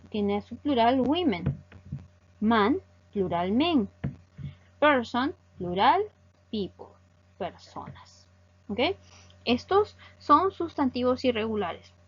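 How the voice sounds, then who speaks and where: A woman's voice: high voice, slightly rough. A woman teaching English grammar over slides, explaining patiently step by step and often checking understanding. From Peru. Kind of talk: recorded slide lesson. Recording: dull lo-fi audio.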